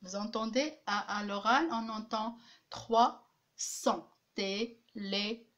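A woman teaching a French lesson, slowly repeating words and pausing with hesitations. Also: on the high side, fairly bright tone, dull audio. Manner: repeats each word slowly, clapping out syllables; frequent hesitations and restarts. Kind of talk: slow classroom lesson.

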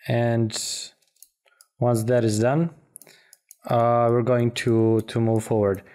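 A man narrating an informal software tutorial as instructor, speaking haltingly and often repeating words. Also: mid-range voice, little pitch movement. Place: voice-over for a screen recording.

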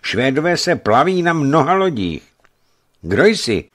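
Man playing frantic boatman yelling urgently, voice pitched way up. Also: very animated. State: shouting. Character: panicked young male boat pilot shouting for help.

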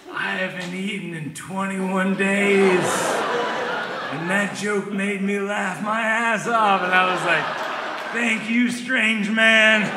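A man's voice: fairly high pitch, background noise. A middle-aged man hosting an awards show with a wry, self-deprecating stand-up monologue, telling stories from a theater stage. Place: theater stage before a large live audience. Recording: roomy hall sound, distant mic, loud crowd. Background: audience laughter.

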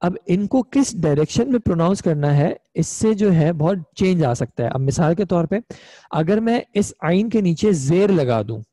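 A high, mellow male voice with no room sound belongs to a young man teaching Arabic grammar online. His explanations are patient and go step by step, and he often pauses to ask "ठीक है?" to check on his students.

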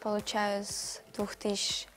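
A woman's voice: medium pitch, completely flat delivery, a little slow, a bit bright. A teenage girl, a fighter guest on a TV morning show, giving short, modest, plain answers in a studio on a lapel mic. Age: teens. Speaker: guest, mixed martial arts fighter. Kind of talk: TV studio interview. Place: bright TV studio set.

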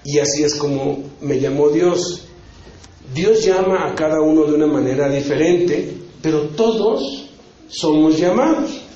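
A man in his fifties preaching at a conference, his voice sitting high for a man. He tells his story in a loose, chatty way, tossing in little tag questions. The hall rings with heavy echo and the sound is a bit dull. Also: lively intonation, unhurried, mellow. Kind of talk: conference sermon testimony.

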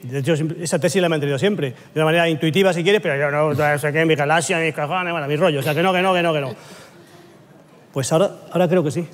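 A man's voice: fairly high pitch, fast talker. A man on a comedy panel show, telling a rambling, exaggerated story with lots of swearing and laughing. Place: TV studio with live audience.

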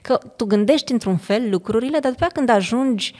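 A middle-aged woman from Romania, a podcast guest, telling stories in a casual chat and often checking in with her listener. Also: a little high. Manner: animated storyteller, often asks "știi?".

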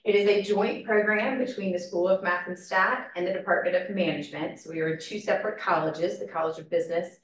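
A woman with a hoarse voice she is losing, giving a chatty informal presentation about a degree program, with plenty of fillers. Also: on the low side, steady tone, a little fast, few pauses. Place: classroom. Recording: echoey room from far off.

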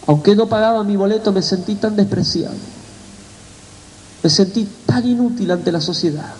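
A man's voice: high voice, moderate pace, darkish tone, slight background noise. A man with an Argentine Spanish accent giving his testimony as a sermon, in an emotional, tearful storytelling way. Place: church hall. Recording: church hall reverb.

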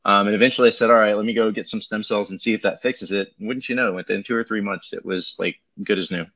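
A man's voice: lowish voice, fairly even intonation, quick pace, a bit bright. A man talking casually through a tinny Bluetooth mic, rambling loosely with lots of ums as he walks through crypto charts on a livestream. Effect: tinny Bluetooth mic sound. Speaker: crypto market commentator. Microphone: Bluetooth headset.

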